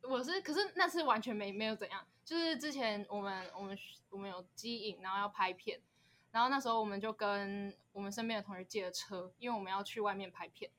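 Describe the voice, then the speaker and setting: A young woman in her twenties with a Taiwanese Mandarin accent, co-hosting a podcast and telling a story in a quick, chatty way. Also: medium pitch, fairly bright tone, a little hiss or hum. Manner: quick, chatty, setting up background details. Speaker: podcast co-host. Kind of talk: casual storytelling chat.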